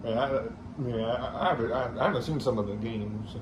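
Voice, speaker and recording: A man's voice: mid-range voice, normal speed. A man in a casual sports chat, giving loose, rambling, noncommittal commentary. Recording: roomy echo with clear background noise.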